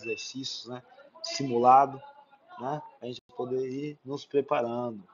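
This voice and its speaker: A man's voice: medium pitch, dull audio. A male Brazilian teacher giving an exam-prep lesson, explaining with lists of examples and often asking "né?" to check understanding. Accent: Brazilian Portuguese.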